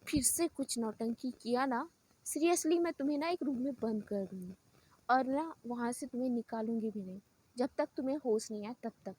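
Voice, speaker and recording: A woman's voice: fairly high pitch, moderate pace, mellow, breathy edge, low-quality recording. A woman voicing an irritated young woman who scolds impatiently. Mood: angry scolding.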